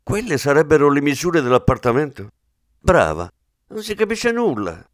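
A man reading an audiobook, voicing a brisk, teasing woman who talks in a matter-of-fact way. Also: fairly high pitch, very animated, dry recording, studio quality, pitched above the performer's own voice. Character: middle-aged woman, brisk and teasing partner. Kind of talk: audiobook character voice.

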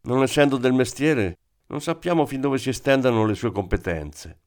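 A man reading the lines of a calm, pragmatic female police inspector in an audiobook. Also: mid-range voice, moderate pace, close to an everyday voice.

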